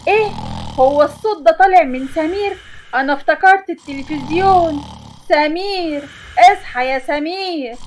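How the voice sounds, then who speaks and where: A woman's voice: sits high, normal speed, a little hiss or hum, lightly acted. A woman playing an alarmed older father. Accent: Egyptian Arabic. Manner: alarmed, urgent. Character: worried father of the bride, older man.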